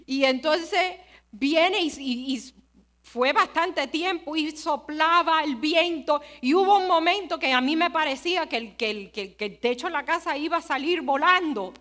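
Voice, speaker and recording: A woman's voice: high voice, normal speed, a bit bright. A woman preaching a sermon, telling stories and speaking straight to her listeners. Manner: storytelling, conversational, asks the listeners directly.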